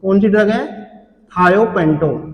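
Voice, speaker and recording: This pharmacy lecturer's voice is high, and he takes his time. He draws on a board and repeatedly quizzes, answering his own questions. The sound is of a large hall, and the audio is dull.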